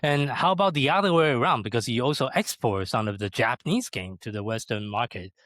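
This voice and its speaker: A man's voice: medium pitch, expressive, brisk, fairly bright tone, no room sound. Podcast host, man from Taiwan, medium voice, friendly interviewer nods along. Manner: asks questions, frequent backchannel "okay" and "mm-hmm". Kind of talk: conversational interview.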